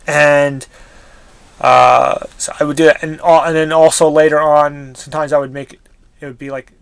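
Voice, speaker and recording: A man's voice: on the high side, flat delivery, moderate pace, vocal fry, smooth, no room sound. A man in his thirties, a toy collector, reminiscing casually in a rambling way with many restarts.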